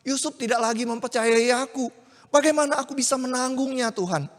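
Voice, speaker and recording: A man putting on a hushed, pleading young woman. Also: very high-pitched, brisk, voice pushed up. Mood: tearful prayer. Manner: soft, hushed delivery. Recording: long hall reverb.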